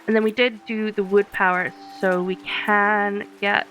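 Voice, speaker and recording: A woman's voice: medium pitch, little pitch movement, measured pace, background noise. A woman hosting a let's play, giving casual commentary that is chatty and giggly as she thinks aloud through her game.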